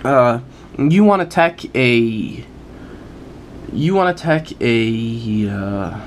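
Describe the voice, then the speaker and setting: A man hosts a casual video run-down of card game picks at a middle pitch. He sounds eager and talks loosely, filling gaps with "uh" and chuckling at himself. A faint hiss of noise sits under his voice. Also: lively intonation, very slow. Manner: enthusiastic, many filler "uh"s, laughs at himself. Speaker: card game channel host.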